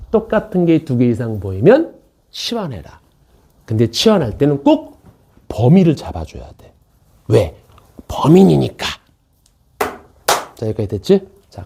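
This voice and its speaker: A man's voice: medium pitch, warm tone, slight background noise. A man teaching a math class in an academy classroom, joking around, repeating key points and checking in with the students. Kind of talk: classroom lecture.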